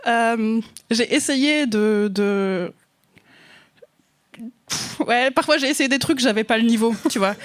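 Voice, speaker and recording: A woman's voice: fairly high pitch, slow pace, pauses often, clear, resonant tone. A woman in her thirties, a guest writer, chatting casually and hesitantly, with lots of fillers and restarts. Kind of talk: casual chat.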